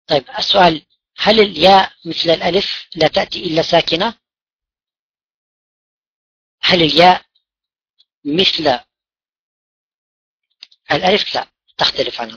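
A man with a high, sharp, husky voice teaches a classroom lesson on the rules for reciting the Quran. As a religion teacher, he puts questions to the students and answers them himself; the recording is dry and lo-fi.

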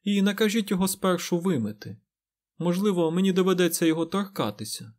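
A man voicing a calm, stern woman sorceress who speaks in a measured way. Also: high-pitched, pitched above the performer's own voice.

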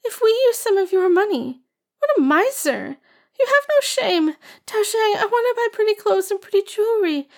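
Ah Ching, a shrill tearful girl. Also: steady tone, a little fast, hardly any pauses, a little mellow. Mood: whiny, wailing. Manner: high, pleading and whiny, often sobbing. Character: tearful young girl, shrill and stubbornly demanding. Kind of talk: audiobook character voice.

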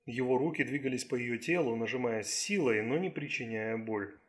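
A man reading an audiobook in a steady, even scripted narration. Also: mid-range voice, brisk.

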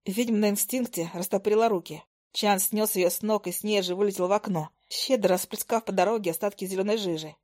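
A woman narrates a first-person fantasy audiobook in a lively, expressive reading. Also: mid-range voice, fast.

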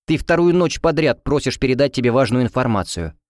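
A man voicing a sharp-tongued, irritable young woman who shares a room, speaking in a scolding, snappy way. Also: mid-range voice, animated, a little fast, no room sound, voice pushed up, lightly acted. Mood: insistent.

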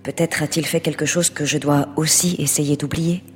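A woman's voice: deep voice, steady tone, moderate pace, long reverb tail, a little hiss or hum, natural voice. An actress playing a guarded married woman who speaks in a controlled, reserved way, in a stage play. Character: guarded married woman, cool and self-protective.

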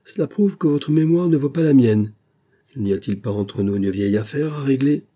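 A man reading an audiobook and voicing a hostile Texan gang leader in a raised, loud, confrontational tone. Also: mid-range voice, lively intonation, moderate pace, voice pushed up, lightly acted. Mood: challenging.

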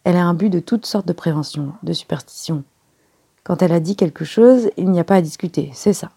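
A woman's voice: on the low side, a little fast, vocal fry, warm tone, breathy edge. A woman reading aloud and voicing a poised, reserved young secretary who speaks earnestly. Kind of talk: audiobook character reading.

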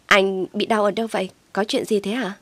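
A woman's voice: mid-range voice, little pitch movement, a little fast, fairly bright tone, no room sound, natural voice. A woman voicing a sly young wife who teases her husband and fakes concern in an audio story. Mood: mock-worried.

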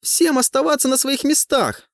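A man voicing a shrill, furious woman official in her mid-thirties who screeches orders, in an audiobook. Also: wildly swooping pitch, measured pace, warm tone, no room sound, clean studio sound, full character voice. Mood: shrill angry. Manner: screeching, commanding.

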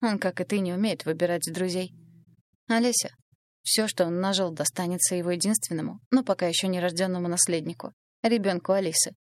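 Woman reading a cold, smug young traitor, low dry voice, audiobook. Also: a little fast, dry recording, lightly acted. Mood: sneering. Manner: sneering, smug.

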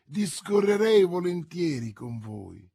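A man's voice: high-pitched, very animated, slow pace, creaky, dark tone, breathy edge, dry recording, clean studio sound, pitched above the performer's own voice, heavily acted. A man voicing a lovesick, stingy lawyer's wife who speaks in a plaintive, pleading way. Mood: coy.

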